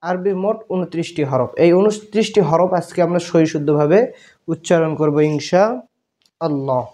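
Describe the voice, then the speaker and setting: A man teaching Arabic letter pronunciation, slowly repeating each sound many times in a patient, instructive drill. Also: on the high side, dark tone. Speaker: Quran teacher. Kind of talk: slow repetitive letter drill.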